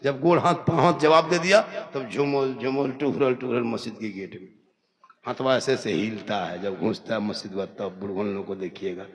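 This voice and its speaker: A man in his fifties with a regional Hindi accent from Jharkhand, preaching a humorous sermon at a religious gathering. He swings between loud declaiming, sing-song chanting and joking asides. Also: mid-range voice, steady tone, normal speed. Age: 50s.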